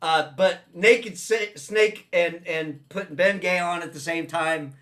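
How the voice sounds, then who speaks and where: A man hosting a casual late-night talk stream in a relaxed way, reading out viewer comments. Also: fairly high pitch, a little slow. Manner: relaxed, reads viewer chat aloud. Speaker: host.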